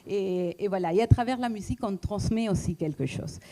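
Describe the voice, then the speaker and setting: A woman's voice: mid-range voice, brisk, mellow. Hesitant woman with a foreign accent. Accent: foreign accent in French. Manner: hesitant, many fillers and restarts. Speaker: speaker at a talk, economist. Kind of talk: reflective public talk.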